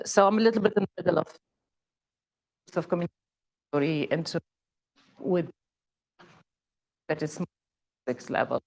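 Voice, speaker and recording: Tunisian-born woman professor, lower voice. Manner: conversational, pausing often with fillers. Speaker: associate professor giving a lecture. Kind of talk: academic seminar talk.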